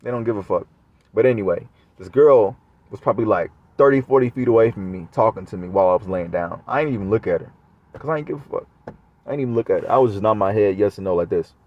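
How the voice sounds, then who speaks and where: A man's voice: lowish voice, fast talker, lo-fi sound. A man talking straight to his viewers in a casual monologue, rambling and swearing often. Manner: profane, rambling. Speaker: vlogger.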